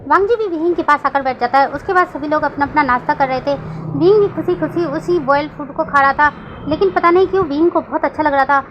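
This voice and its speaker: Woman narrating a story in a high voice. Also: quick pace, muffled recording, slight background noise. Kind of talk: fan fiction read-aloud.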